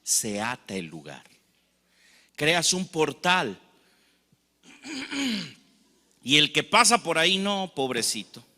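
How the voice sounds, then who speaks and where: Brief: male Mexican preacher, storytelling sermon delivery, fairly high voice, long hall echo. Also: wildly swooping pitch, slow, long pauses, pushed and bright. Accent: Mexican Spanish. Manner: storytelling preacher acting out anecdotes. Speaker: pastor.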